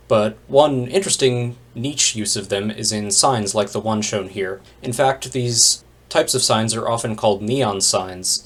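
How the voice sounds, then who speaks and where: A man's voice: fairly low pitch, breathy edge. A man giving a recorded chemistry lecture over slides, explaining plainly and adding wry asides. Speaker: chemistry instructor.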